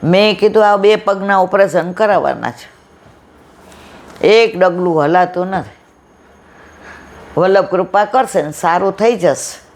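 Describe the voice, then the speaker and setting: A woman's voice: lowish voice, unhurried, pauses often, a little mellow. A woman giving a devotional satsang talk, telling stories conversationally and acting out the dialogue. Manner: conversational, acts out quoted dialogue. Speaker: satsang speaker. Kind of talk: devotional discourse with storytelling.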